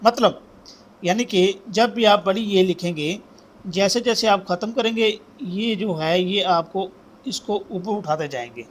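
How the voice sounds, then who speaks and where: A man teaching handwriting step by step. He walks through each stroke as he writes and keeps checking in with his students. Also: high voice. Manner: step-by-step instruction, often says "ठीक है जी" and calls out "students". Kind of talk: handwriting lesson.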